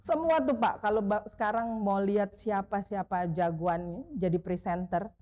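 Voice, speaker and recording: A middle-aged woman spins long, lively anecdotes as an interview guest, mimicking the people in her stories. Her voice sits at an ordinary middle pitch. Her tone is warm and mellow rather than bright. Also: moderate pace. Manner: animated, acts out quoted voices, often adds "Pak". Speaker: veteran sports broadcaster, guest. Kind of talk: storytelling in a casual interview.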